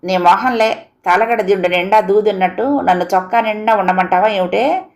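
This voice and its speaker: A woman's voice: medium pitch, moderate pace, natural voice. A woman voicing a cheeky, sulky young village man who whines and talks back. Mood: defiant.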